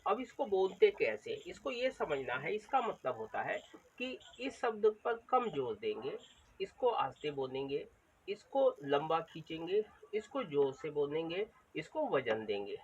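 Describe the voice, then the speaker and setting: A man teaching a Hindi vowel lesson, drawing out and repeating the vowel sounds. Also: a little high. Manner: slow, drawn-out vowel drills, repeating sounds. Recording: dull lo-fi recording with faint background noise.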